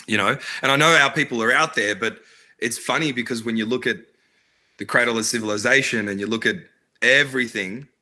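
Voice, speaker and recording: An adult married man, born in Iraq and raised in Australia, speaks earnestly as a filmmaker guest in a casual interview, full of fillers and restarts. His voice is medium-pitched, fairly quick, bright and forceful.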